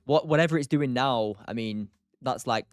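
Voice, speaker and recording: A man's voice: medium pitch, moderate pace, dry recording, clean studio sound, faint music behind. A tired man hosting a live stream, thinking aloud and answering chat in a loose, casual way. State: tired, short on sleep. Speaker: streamer, day trader.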